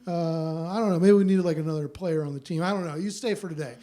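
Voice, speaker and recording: On a small theater's stage, a man hosts a live storytelling show, rambling casually and packing his talk with fillers. His voice is on the high side, mellow, and quick.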